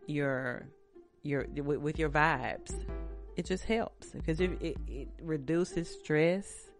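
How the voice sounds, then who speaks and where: A host leads a casual self-care talk, speaking straight to her listeners in an encouraging, repetitive way. Her voice is bass, and she sounds a little stuffy-nosed from allergies.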